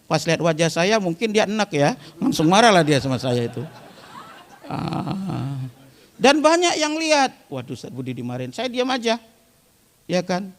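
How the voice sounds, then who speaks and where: A man's voice: high-pitched, sing-song, measured pace, in a large hall. A man, giving a humorous religious talk to a live congregation and telling stories while addressing the listeners directly. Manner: chatty storytelling, often addressing the listeners directly. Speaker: Islamic preacher. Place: weekly study gathering before a live audience.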